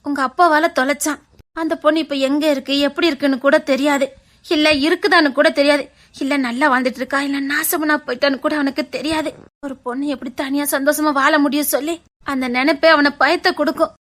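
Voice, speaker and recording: A practical aunt with a Tirunelveli accent talks someone down patiently, half soothing and half lecturing, as a woman acts her out. Her voice is high and bright. She keeps an even, firm and reasoning tone throughout. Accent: Tirunelveli Tamil. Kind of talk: web series drama acting.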